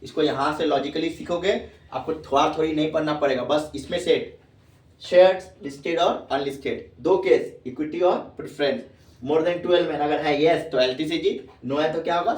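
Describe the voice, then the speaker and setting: A man's voice: a little high, normal speed. A man teaching tax to students, repeating questions to check they follow. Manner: repeats questions to students, calls them "babu". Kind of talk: classroom lecture. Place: classroom. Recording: echoey room, far from mic.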